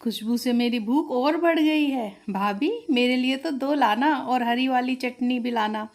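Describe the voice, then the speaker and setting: A woman plays a young girl who can never stop eating, eager and whiny as she pleads for more food in a storybook tale. The voice sits fairly high for a woman. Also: unhurried. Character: greedy teenage girl always hungry.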